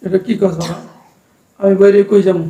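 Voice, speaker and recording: A man's voice: high voice, level tone, moderate pace, gravelly, warm tone, highs cut off. An actor playing an old widowed father who pleads with his son not to throw him out. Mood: pleading. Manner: pleading, plaintive. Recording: echoey room.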